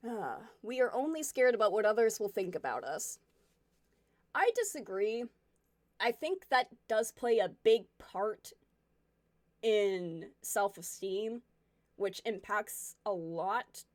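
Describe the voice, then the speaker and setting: A woman's voice: mid-range voice, animated, slow pace, no echo. Candid woman in her twenties, dry close sound. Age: 20s. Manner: candid, rambling, self-reflective. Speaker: streamer chatting with viewers. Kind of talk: casual chat reading viewer comments.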